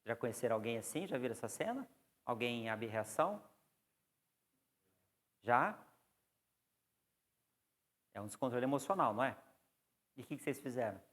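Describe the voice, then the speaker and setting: A man's voice: medium pitch, sing-song, normal speed, long pauses, fairly bright tone. A man with a Brazilian Portuguese accent giving a classroom lecture on psychoanalysis, explaining and putting questions to the class. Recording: long hall reverb.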